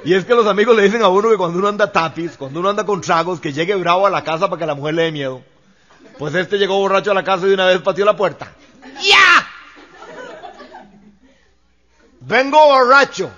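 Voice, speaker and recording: A man's voice: high voice, rapid-fire, a bit bright, some chatter behind, slight background noise. A man with a Costa Rican accent telling jokes in a stand-up comedy routine, chuckling as he goes, on a lo-fi recording. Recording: lo-fi dull recording.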